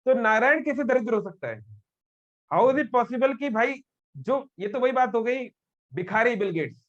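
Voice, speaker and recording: Guy with a high voice giving a lively sermon to youth, kinda muffled lo-fi recording. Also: unhurried. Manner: animated, acts out characters' quotes. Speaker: devotional speaker. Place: live session with audience.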